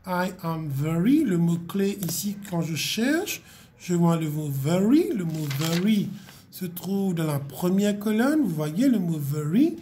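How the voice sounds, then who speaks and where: Her voice sits on the low side and is dark, with lively intonation and a slightly slow delivery, plus a little hiss or hum in the audio. She's an English teacher at a primary school, patiently explaining grammar to young children, repeating words and checking understanding with "ok?".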